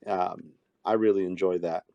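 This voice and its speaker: A man hosting a casual interview, encouraging his guest with quick, affirming replies. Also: low-pitched, steady tone, creaky, no echo, lo-fi sound. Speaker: podcast host.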